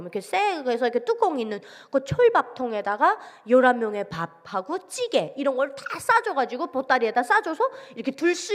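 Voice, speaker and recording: A woman from North Korea tells her story to a church gathering in a high, bright voice. Her pitch swings widely as she acts out each exchange, and the big sanctuary adds a long, trailing reverb. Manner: vivid storytelling, acts out quoted dialogue. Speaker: guest speaker giving testimony.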